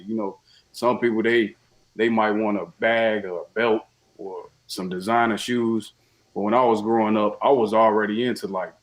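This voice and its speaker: Laid-back profane man from Chicago. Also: fairly low pitch. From Chicago, USA. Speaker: podcast guest. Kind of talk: casual chat.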